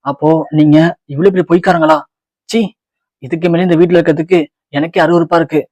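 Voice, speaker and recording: A man's voice: fairly high pitch, fairly even intonation, fast talker, darkish tone, no echo, natural voice. A man voicing a loyal young wife, indignant and insistent. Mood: scornful. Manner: pleading, then scornful.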